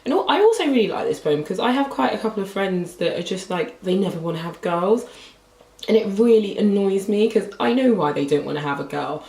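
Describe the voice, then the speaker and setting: A young woman talks casually about books, slightly hoarse and filling her sentences with "like". She sits a little back from the mic, in a room with a noticeable echo. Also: mid-range voice, lively intonation, fairly quick, warm tone, far from the mic. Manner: chatty, rambling, lots of "like" fillers. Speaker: book vlogger. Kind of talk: casual book review chat. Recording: roomy echo, voice a bit off-mic.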